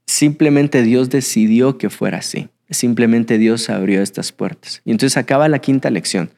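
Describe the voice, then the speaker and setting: A young man preaching a sermon, swinging between excited bursts and hushed, reflective passages. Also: mid-range voice, normal speed, creaky. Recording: hall with long reverb.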